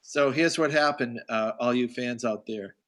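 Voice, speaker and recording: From his home in Boston, a man hosts a live video-call chat with an author, rambling in a chatty way full of compliments. His voice is mid-range at a moderate pace, with crowd noise in the background.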